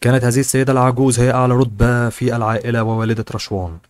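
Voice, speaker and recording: Fast-reading man. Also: medium pitch, level tone, clear, resonant tone. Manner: reads fast, sometimes stumbles and corrects himself. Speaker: audiobook narrator. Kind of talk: reading a translated novel aloud.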